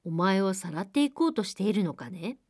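Fatherly storybook king, concerned and gentle, voiced by a woman. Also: medium pitch, animated, brisk, slightly rough, no room sound, clean studio sound. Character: concerned old king questioning his daughter.

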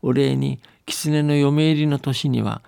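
A man's voice: medium pitch, fairly even intonation, slow, gravelly, mellow, clear, resonant tone, no room sound, clean studio sound. A man doing a pleading fox girl. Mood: earnest. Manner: polite, pleading. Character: fox disguised as a pleading young bride.

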